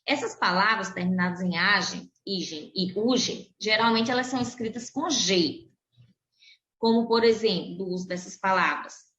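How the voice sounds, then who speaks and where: A woman's voice: medium pitch, fairly bright tone. Brazilian teacher woman, roomy lo-fi sound. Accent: Brazilian Portuguese. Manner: slow, deliberate pronunciation of example words. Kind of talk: recorded classroom lesson for children. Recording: roomy, dull lo-fi recording.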